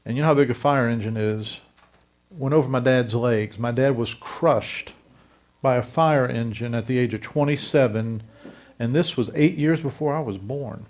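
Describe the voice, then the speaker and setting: In a testimony sermon, a pastor in his fifties from South Louisiana, USA, tells his congregation his life story in an earnest, direct way. His voice is mid-range and a little mellow, at normal speed.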